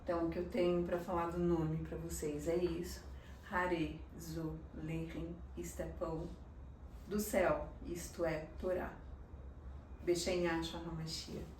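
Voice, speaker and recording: Woman teaching slow, lowish voice, kinda far from the mic in an echoey room. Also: flat delivery, darkish tone, slight background noise. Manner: slow, explanatory, often checks in with "tá?". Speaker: religious teacher. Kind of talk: teaching Hebrew names from a written page.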